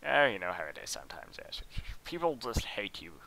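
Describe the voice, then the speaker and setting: A man's voice: on the low side, sing-song, brisk, creaky, pushed and bright, a little hiss or hum, full character voice, low-quality recording. A man putting on a posh old English granny. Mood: knowing. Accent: posh English, put on. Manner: prim and knowing.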